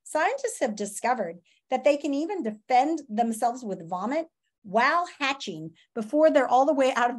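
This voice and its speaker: Her voice sits on the high side with a somewhat dark tone as a woman reads a kids' nonfiction book in a small home room. She treats it like a classroom reading, dramatic and expressive, with questions and side remarks for listeners.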